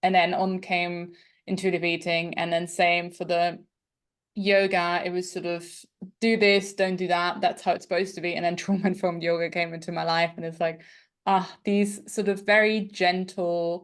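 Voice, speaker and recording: A woman from Austria with a light Austrian accent, hosting a podcast interview and speaking gently and thoughtfully with soft fillers. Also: fairly low pitch, level tone, a little slow, clear, resonant tone. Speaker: podcast host, yoga teacher and dietitian.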